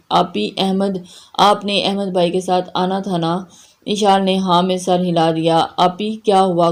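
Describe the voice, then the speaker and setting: A woman's voice: fairly low pitch, darkish tone. A woman with a Pakistani Urdu accent reading a romantic novel aloud and voicing every character herself with light shifts. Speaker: narrator.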